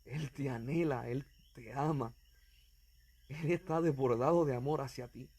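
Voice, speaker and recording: A man's voice: mid-range voice, measured pace, a little mellow, slightly rough. Earnest man preaching a sermon. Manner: earnest, fervent, addresses listener directly. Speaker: evangelist preacher.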